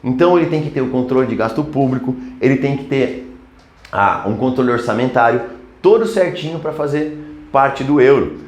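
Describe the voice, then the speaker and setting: A man's voice: mid-range voice, normal speed, reverberant, muffled recording. A man with a Brazilian Portuguese accent teaching a geography lesson at a chalkboard, talking casually to his students. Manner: casual, addresses students as "cara". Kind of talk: chalkboard lecture. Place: classroom.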